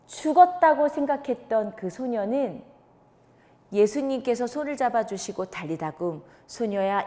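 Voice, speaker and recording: A woman preacher telling a Bible story to young children in an animated, sing-song way and acting out the characters' lines. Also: mid-range voice, in a large hall. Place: church.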